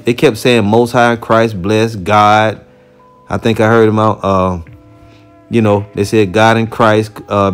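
A man with a fairly low voice delivers an informal preaching commentary, blunt and heated, dropping casual profanity as he goes. He slows right down to read scripture aloud with care. Faint music plays behind him. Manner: reads scripture aloud slowly and deliberately. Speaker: religious teacher reacting to a video.

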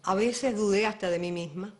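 A woman's voice: mid-range voice, moderate pace. A woman, an actress, thoughtfully recalling her work with a director in a documentary interview, sometimes searching for words. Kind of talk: reflective interview recollection.

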